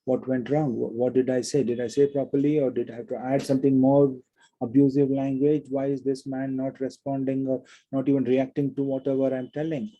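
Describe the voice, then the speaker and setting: Guy doing a mad brahmin man, demanding, kinda husky. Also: mid-range voice, little pitch movement, a little fast, muffled recording, natural voice. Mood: indignant. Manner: scolding, demanding questions. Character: angry indignant Brahmin man, middle-aged.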